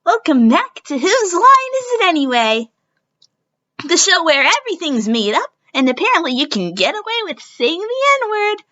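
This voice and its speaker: A woman's voice: very high voice, very animated, normal speed, sharp tone, lo-fi sound, voice pushed up, exaggerated voice. A woman voicing a playful, teasing cartoon girl who hosts a game show, with hammy, stagy delivery, in a dramatic reading. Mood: showy, upbeat.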